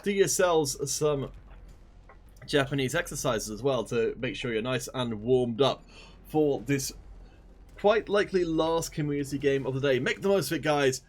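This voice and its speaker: A man's voice: medium pitch, expressive, normal speed. Upbeat male esports caster. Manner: upbeat, addresses viewers directly. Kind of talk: live stream casting chat.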